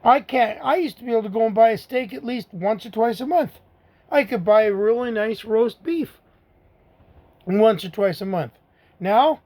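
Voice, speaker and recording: A man's voice: high-pitched, a little mellow. A middle-aged man, giving a blunt, angry political rant to the camera, repeating his own rhetorical asides. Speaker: vlogger.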